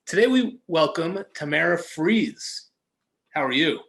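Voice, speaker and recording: A man hosting a podcast, warmly encouraging his guest with eager reactions in a casual interview. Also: on the high side, expressive, unhurried, vocal fry. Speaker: podcast host.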